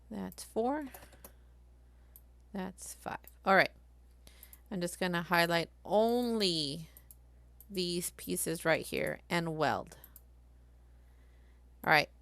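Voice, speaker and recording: A woman live-streaming a craft software tutorial, chatty and thinking aloud as she works. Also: on the low side, lively intonation, drawn-out words, creaky, long pauses, no room sound.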